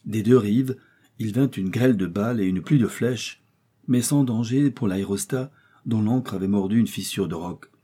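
Low, husky male audiobook narrator. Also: moderate pace, dark tone. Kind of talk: scripted narration.

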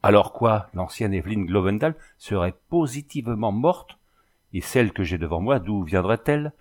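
A man's voice: lowish voice, expressive, moderate pace, darkish tone. A man voicing an anxious, bookish young husband in a storybook reading, pressing with urgent questions. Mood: agitated.

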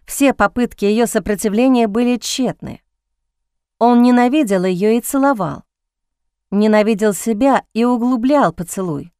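A woman narrating a romance audiobook in a measured, expressive, dramatic reading, close to a studio mic. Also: fairly high pitch, clear, resonant tone, no echo.

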